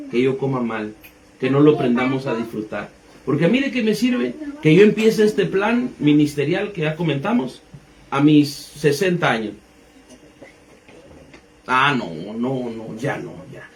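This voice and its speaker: Here a thirty-something pastor teaches the Bible in an expressive, medium-pitched voice, pacing himself a little slowly. His style is conversational, built on rhetorical questions and examples from daily life.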